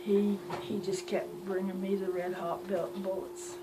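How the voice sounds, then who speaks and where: An elderly woman tells a story from memory at a slow pace, halting and circling back as she searches for words. Her voice sits at an average pitch, and the amateur home recording has loud noise behind it. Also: flat delivery. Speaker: grandmother telling life stories. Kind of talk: elder telling story, informal reminiscence.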